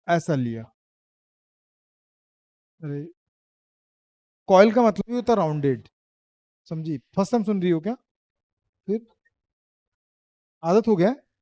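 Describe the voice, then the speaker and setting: A man's voice: high-pitched, a little mellow, dry recording. A man teaching physics in a classroom, quizzing and teasing his students and laughing often. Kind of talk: classroom lecture.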